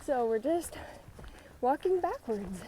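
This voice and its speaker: A woman's voice: high voice, big pitch swings, slow pace, warm tone. A middle-aged woman narrating a casual family hiking vlog on a handheld camera, chatty and upbeat with frequent laughs. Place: outdoors on a hiking trail. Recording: noisy outdoor recording.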